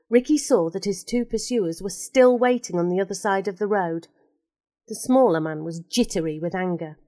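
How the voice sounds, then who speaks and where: A woman reading a children's storybook aloud in an expressive, lively storytelling manner. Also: medium pitch, no echo. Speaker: narrator.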